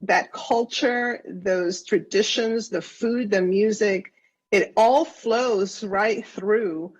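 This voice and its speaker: On a muffled recording, a woman from Venezuela who serves as a county councilmember talks slowly in a husky mid-range voice. Addressing a council session with earnest, effusive remarks, she frequently starts phrases over and repeats words when she does.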